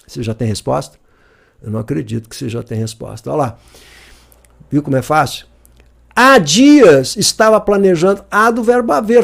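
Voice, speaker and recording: Male teacher, higher voice, jokey and lively, talks straight to the viewer. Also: creaky. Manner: lively, joking, asks the viewer questions often. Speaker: Portuguese teacher. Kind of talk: exam-review lesson.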